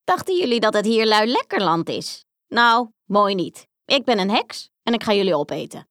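A woman's voice: mid-range voice, sing-song, slow pace, dry recording, clean studio sound. Gleeful, wicked old witch with a cackle, read aloud by a woman. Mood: gloating. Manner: sweet-voiced, then gloating and cackling. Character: cunning old female witch, gleeful and cruel.

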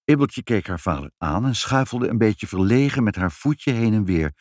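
A man reading a children's story aloud with an expressive, sing-song delivery. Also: on the low side, moderate pace, dry recording, studio quality.

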